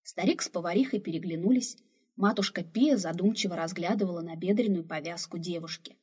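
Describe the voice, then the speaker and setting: A woman narrating a fantasy story in a steady, expressive reading voice. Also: fairly low pitch, a little fast, husky. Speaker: audiobook narrator.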